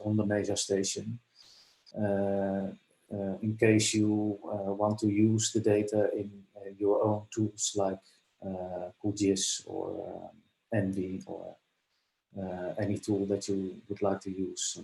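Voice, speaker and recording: A man presenting a training session over a video call, speaking haltingly with many filler sounds. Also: fairly low pitch, monotone, gravelly, darkish tone, roomy sound, low-quality recording. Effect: heard over a video call.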